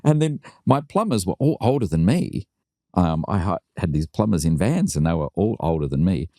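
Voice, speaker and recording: Deep-voiced, lively man. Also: moderate pace, dry recording, clean studio sound. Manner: animated storyteller, laughs often. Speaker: podcast co-host. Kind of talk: casual interview chat.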